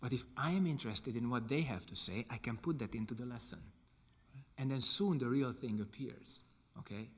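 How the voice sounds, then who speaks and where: Hungarian guy, monk lecturing in english, middle pitch, lots of hall reverb. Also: moderate pace, husky. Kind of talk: lecture with question and answer.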